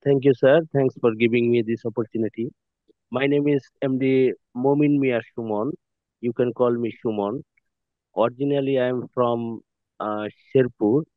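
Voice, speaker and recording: A Bangladeshi student in his thirties calls in from a car to give a polite self-introduction to his class, hesitating often, using many fillers and saying "sir." His mid-range voice has fairly even intonation, and the recording is dry, coming over a tinny phone line.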